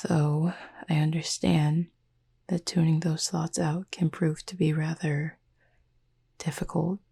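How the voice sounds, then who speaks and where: In a sleep-aid ASMR roleplay, a woman voices a gentle, composed Cupid who is the listener's roommate, speaking softly and reassuringly in a breathy, creaky near-whisper with formal wording. Her voice is low and heavily acted.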